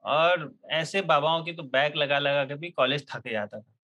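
A man's voice: fairly high pitch, unhurried, highs cut off. A young man telling a comic hostel story in a chatty group, joking and laughing often, mixing into his speech. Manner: lively, jokey, laughs often. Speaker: storyteller in a group chat show. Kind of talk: comic storytelling among friends.

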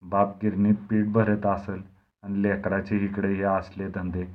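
Guy putting on a loud bossy village kid, thin phone-like sound. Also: deep voice, completely flat delivery, a little slow. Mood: scolding. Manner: loud scolding rustic talk. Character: brash quarrelsome village boy, bully.

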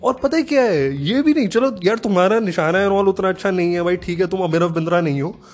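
A man delivering a sarcastic, animated comedic rant, peppered with swearing and quick asides. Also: high voice.

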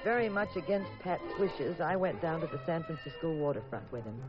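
An actress playing a poised, wry and jealous detective's wife in an old radio drama. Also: female voice, sits low, expressive, a little fast. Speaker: lead actress and narrator. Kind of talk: 1950s radio drama acting. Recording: muffled old radio recording with music.

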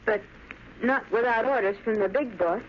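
A woman's voice: fairly high pitch, normal speed, natural voice. Woman acting a defiant young heroine, old muffled recording. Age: young adult. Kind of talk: 1930s radio melodrama acting. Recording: dull, noisy old radio recording.

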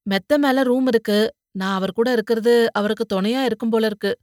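A woman voicing a calm young man. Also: fairly high pitch, moderate pace, no echo, clean studio sound, lightly acted. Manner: quiet, plain-spoken, mixes in English words.

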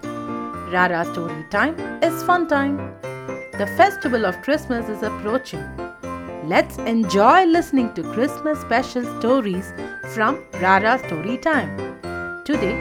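Lively sing-song woman storyteller. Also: on the high side. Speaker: storytelling host. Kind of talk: children's story narration.

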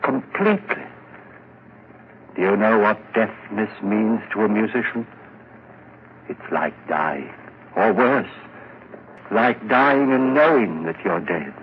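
Fervent, haunted low-voiced musician. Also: male voice, lively intonation. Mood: haunted, intense. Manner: intense, rhapsodic, dramatic pauses. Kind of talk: 1940s radio drama acting. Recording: muffled, noisy vintage radio recording.

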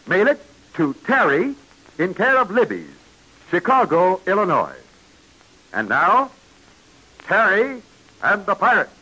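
Man, 1940s radio serial announcer, hearty kids' pitchman, fairly high voice. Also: big pitch swings, a little slow, long pauses, pushed and bright, a little hiss or hum, low-quality recording. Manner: hearty pitchman addressing kids.

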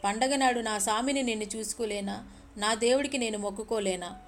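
A woman playing a poor old man at a temple, pleading and tearful, somewhat high voice, storybook telling. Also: brisk, slight background noise. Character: poor old male devotee, desperate and pleading.

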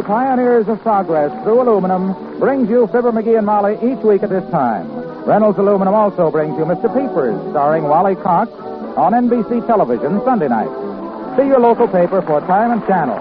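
A man reading sponsor announcements in a smooth, formal announcer manner, heard from an old radio transcription disc. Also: sits high, animated, a little fast. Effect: old radio transcription disc sound. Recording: tinny lo-fi old broadcast with music.

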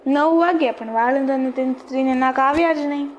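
High-voiced woman telling a children's tale. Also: fairly quick, muffled recording, a little hiss or hum. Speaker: storyteller podcast host. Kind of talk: children's story narration.

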